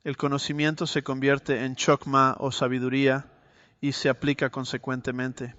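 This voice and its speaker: Smooth-voiced male preacher teaching scripture. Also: mid-range voice, level tone, moderate pace, fairly bright tone, dry recording, dull audio. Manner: expository Bible teaching, reading verses aloud. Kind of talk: sermon.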